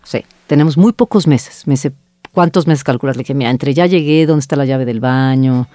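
Mellow-voiced woman telling her story. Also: a bass voice, normal speed, no echo. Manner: lively, quotes herself and others in dialogue. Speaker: agency founder, guest. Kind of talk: storytelling in a conversational interview.

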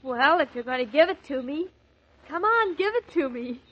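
A young adult actress in a 1940s radio drama plays a playful, tender newlywed wife, her female voice sitting high and expressive. She talks at normal speed in a bright, teasing, dreamy way, heard on an old, lo-fi transcription.

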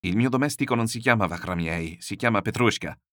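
A man voicing a baffled indignant gentleman. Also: on the low side, lively intonation, fairly quick, dry recording, studio quality.

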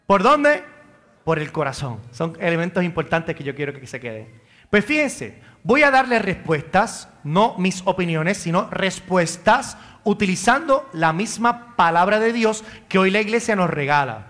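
A man with a Caribbean Spanish accent preaches a sermon as a priest in church, his voice pitched high. He questions and answers himself and calls on members of the congregation by name, with a bright, forceful tone. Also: lively intonation, moderate pace.

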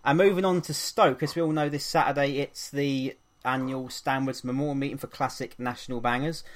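A man from England hosts a casual podcast in a chatty, upbeat way, dotting his talk with ums. His pitch sits in a middle range, and he moves briskly from one item to the next. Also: steady tone. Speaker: podcast host.

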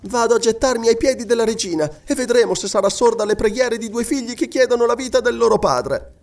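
Storybook girl, young and desperate, very high, as a male reader puts her on. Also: expressive, fast talker, distant mic. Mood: pleading. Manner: high, pleading cries.

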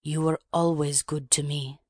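A reader voicing a trembling old Russian man, a cowardly traitor, who speaks in a soft, slow, pleading way. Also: mid-range voice, flat delivery, no echo, clean studio sound, close to an everyday voice. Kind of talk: audiobook reading.

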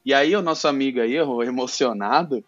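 A man's voice: mid-range voice, brisk, dull audio. A man on a podcast panel chatting casually about football, using slang and repeating his phrases.

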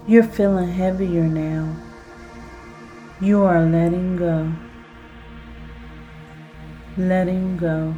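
A woman guiding a self-hypnosis relaxation in a soothing, deliberate manner, like a sleep story narrator. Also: on the low side, fairly even intonation, warm tone, muffled recording, soft background music. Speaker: podcast host and relaxation guide.

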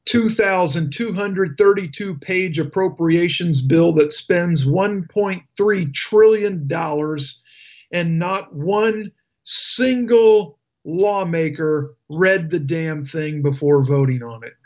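Slow, indignant male talk radio host. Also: a little high, dull audio. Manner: indignant, emphatic ranting with sarcasm. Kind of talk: political talk radio commentary.

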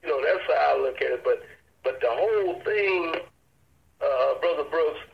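An older man with an Arkansas accent, a church elder speaking as an interview guest in a folksy, halting way. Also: fairly high pitch, vocal fry. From Arkansas, United States. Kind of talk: casual interview talk on faith. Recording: dull lo-fi radio or phone line.

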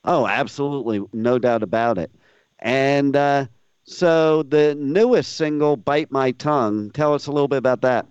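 A man's voice: medium pitch, normal speed, a little mellow, clean tone, no echo. A man hosting a radio show, interviewing a guest in a casual conversational way. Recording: dry, slightly dull radio audio.

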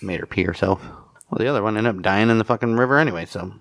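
A man's voice: on the low side, racing, a bit bright. A man co-hosting a true-crime podcast, swearing and joking casually while reading ad copy and case notes. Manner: profane, joking, laughs often. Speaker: podcast co-host.

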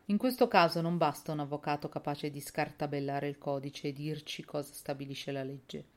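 A woman's voice: low-pitched, steady tone, normal speed, natural voice. A woman voicing a cool, businesslike young woman.

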